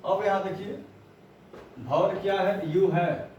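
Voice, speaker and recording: A male teacher giving a grammar lesson, slowly spelling out words and repeating them, mixing in English phrases. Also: sits high, a little mellow, dull audio, a little hiss or hum. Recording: echoey room, voice far from mic.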